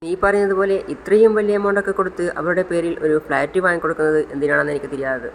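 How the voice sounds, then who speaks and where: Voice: medium pitch, steady tone, racing, slight background noise, close to an everyday voice, rough recording. The narrator voicing a loyal young male friend who confides a cautious warning. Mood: confiding warning.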